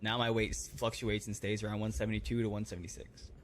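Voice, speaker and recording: A man's voice: fairly low pitch, flat delivery, fast talker, slight background noise. Easygoing man in his thirties, podcast guest. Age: 30s. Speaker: podcast guest, professional fighter. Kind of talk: casual chat.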